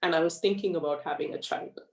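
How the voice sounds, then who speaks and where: A middle-aged woman talks frankly and in a measured way, with plenty of fillers. Her voice sits fairly low for a woman. She is recorded a way off the mic in an echoey room. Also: a little mellow, distant mic. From India, raised in Australia. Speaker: guest. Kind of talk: conversational interview.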